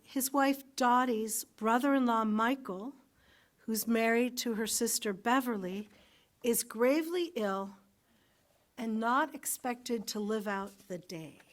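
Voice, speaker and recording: A woman leading a congregation's joys and concerns in a gentle, informal way, with a few fillers. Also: a little high, slow pace.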